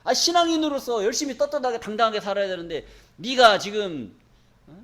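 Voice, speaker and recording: Animated high-voiced preaching pastor. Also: male voice, a little fast. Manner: call-and-response questions to the congregation; emphatic, folksy preaching. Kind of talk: sermon.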